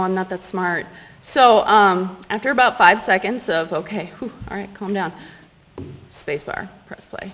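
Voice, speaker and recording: A young woman telling a funny personal story on stage at a live storytelling event, animated and laughing often. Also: mid-range voice. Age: young adult. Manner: animated, laughing, dramatic pauses. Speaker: student storyteller.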